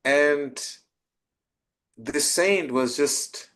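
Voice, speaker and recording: A man, a spiritual teacher, answering a question by slowly telling a devotional story in a soft, tender way. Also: on the high side. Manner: slow, tender storytelling with soft trailing phrases.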